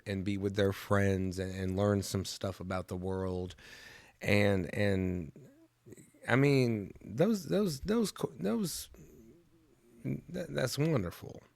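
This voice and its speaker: A man's voice: deep voice, no room sound. A man in his thirties hosting his own show, talking in a rambling, profane, emotional way with many restarts. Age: 30s. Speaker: show host. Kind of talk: casual solo monologue.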